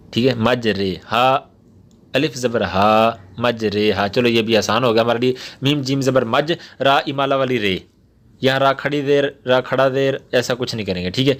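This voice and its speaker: A man teaching a Quran reading lesson, patiently explaining rules, often checking with his listeners and slowing down to spell out words syllable by syllable. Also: mid-range voice. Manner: patient, repeats points and checks with "ٹھیک ہے؟".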